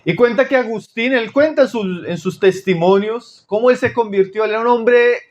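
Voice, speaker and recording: A man from Chile preaching a sermon, addressing his listeners as brothers and dropping to low, intense tones for emphasis. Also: moderate pace.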